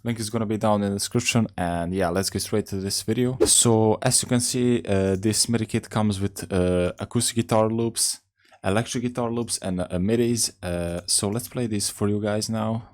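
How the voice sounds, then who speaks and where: Laid-back young man with a low voice. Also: normal speed, no echo. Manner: laid-back slangy talk with frequent "uh" fillers. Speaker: music producer teaching a tutorial. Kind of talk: casual screen-recorded tutorial. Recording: faint music underneath. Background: music playing in the session.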